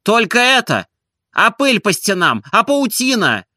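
A man voicing an idle, fussy gentleman who scolds his servant impatiently in a storybook reading. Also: on the high side, very animated, unhurried, no echo, studio quality, heavily acted. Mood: scolding.

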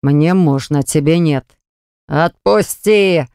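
An audiobook narrator voicing a smug, scornful man who gloats and yells when pinned down, in a smooth voice. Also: medium pitch, normal speed, no room sound, clean studio sound, natural voice. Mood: shouting.

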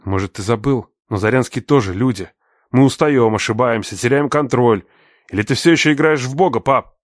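A man's voice: medium pitch, normal speed, no room sound, studio quality, lightly acted. A man voicing a grown son who answers his father with terse, bitter retorts in an audiobook reading. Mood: defiant. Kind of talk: audiobook narration.

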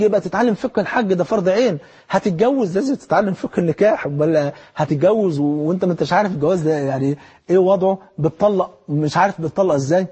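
Man, Egyptian accent, preacher, rapid-fire delivery, husky raspy voice, exhorting. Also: a little high. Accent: Egyptian Arabic. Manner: lively, exhorting, speaks straight to the listener. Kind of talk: colloquial sermon.

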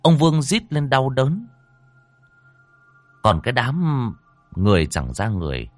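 A man narrating a ghost story in an expressive, dramatic storytelling manner. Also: medium pitch, no room sound. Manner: expressive, rising and falling storytelling. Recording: dry close mic with faint music.

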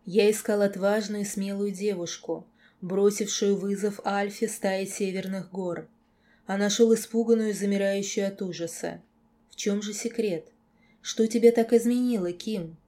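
A woman voicing a stern, commanding werewolf lord in an audiobook, speaking in a measured, subdued way. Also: mid-range voice, steady tone, dark tone, lightly acted. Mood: cold, probing. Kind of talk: audiobook character voice.

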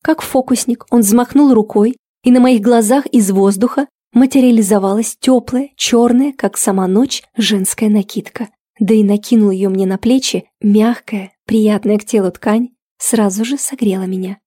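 A woman narrating a fantasy audiobook in the first person, with a wry, lively way of telling it. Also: medium pitch, normal speed.

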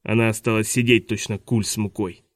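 A man's voice: fairly low pitch, little pitch movement, fairly quick, no room sound, studio quality, natural voice. A man voicing a scheming villain posing as a teacher, who sounds falsely polite and gloating, in an audiobook. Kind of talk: audiobook dialogue reading.

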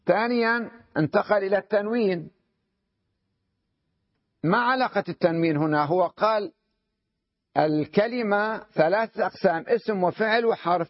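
A man teaching Arabic grammar in a classroom lesson, often checking that his students follow and slowing down to read out quoted lines. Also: high-pitched, no echo. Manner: checks understanding with frequent questions to students. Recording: dull lo-fi lecture recording.

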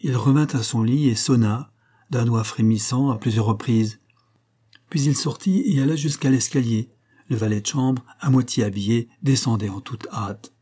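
A man reading a story aloud in measured narration, raising his voice for the characters' quoted lines. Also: medium pitch, mellow, breathy edge. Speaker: audiobook reader. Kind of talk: scripted narration.

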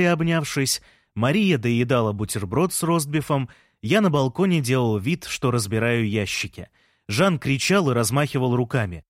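A man's voice: medium pitch, no echo. A man narrating a first-person audiobook in a dry, wry manner on a close mic.

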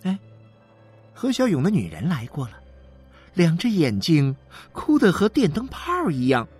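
A woman's voice: on the low side, huge pitch swings, unhurried, a little mellow, breathy edge, faint music behind, pitched below the performer's own voice, exaggerated voice. A woman voicing a smug, chatty wife who gloats and scatters sighing fillers through her talk. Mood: gossipy. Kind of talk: dramatic reading.

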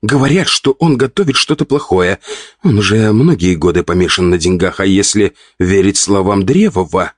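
A man reading an audiobook, voicing an indignant, sharp-tongued countess of about forty. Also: low voice, moderate pace, dry recording, clean studio sound. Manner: huffy, pleading, indignant.

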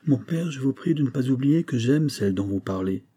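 A man's voice: medium pitch, lively intonation, a little fast, warm tone, slightly rough, no room sound, pitched above the performer's own voice. A man reading a stiff, earnest young man. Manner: stiff and indignant.

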